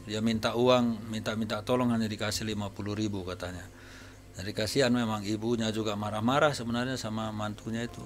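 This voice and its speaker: A man preaching to his congregation as a pastor, telling anecdotes from his visits in a relaxed, conversational way. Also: fairly low pitch, a little fast, a little hiss or hum. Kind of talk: sermon testimony to a congregation. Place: church service.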